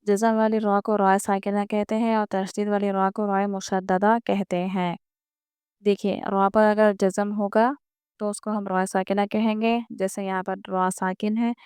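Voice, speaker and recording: A woman teaching a beginner lesson on reading the Quran, patient and repetitive, drawing out example words slowly. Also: medium pitch, smooth, no echo, clean studio sound. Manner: patient, repeats each rule, draws out example words slowly.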